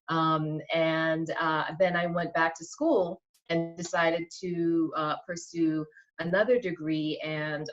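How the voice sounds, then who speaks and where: A woman's voice: on the low side, dull audio. A woman, an enthusiastic guest telling her story in a casual interview. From Queens, New York. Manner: enthusiastic, warm storyteller with many fillers. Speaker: guest, small business owner.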